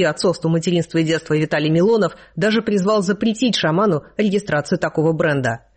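Male news host, high-pitched and husky, steady scripted read.

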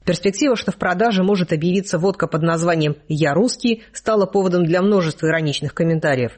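Male news host, high-pitched and husky, steady scripted read. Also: fast.

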